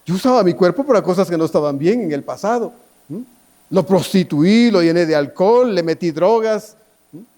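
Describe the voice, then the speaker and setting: Man, pastor preaching, pleading, fairly high pitch, dark mellow tone. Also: lively intonation, normal speed. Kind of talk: sermon.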